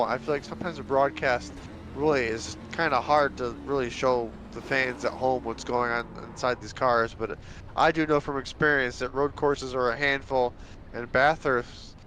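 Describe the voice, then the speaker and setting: A man commentating a sim racing broadcast in a relaxed, folksy way and interviewing drivers. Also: medium pitch, background noise. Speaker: race commentator.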